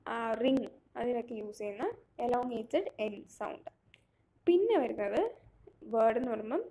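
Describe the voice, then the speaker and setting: A woman's voice: high-pitched, darkish tone. A woman teaching phonetics, patiently sounding out words one sound at a time. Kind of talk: explaining lesson step by step.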